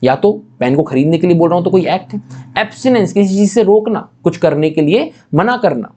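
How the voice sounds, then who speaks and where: A man teaching law in an explanatory lecture, reading definitions out slowly and asking rhetorical check-in questions. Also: high voice, expressive, darkish tone. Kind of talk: explanatory lecture mixing Hindi and English.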